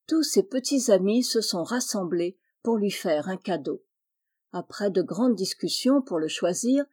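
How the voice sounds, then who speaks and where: A woman reading a children's storybook aloud, in a clear, expressive storytelling manner. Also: mid-range voice.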